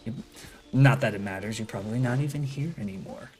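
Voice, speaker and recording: Over background video game music, a man streams his gameplay and rambles in casual commentary. His voice is medium-pitched, slightly mellow, and a little quick.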